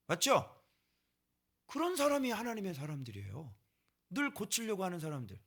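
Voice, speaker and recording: A high, bright male voice preaching with a lot of swing in its pitch. He drives each point home and scolds his listeners, then turns to them for agreement before he moves on. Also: husky. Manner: emphatic, scolding, asks the congregation for agreement. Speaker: pastor. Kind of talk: sermon.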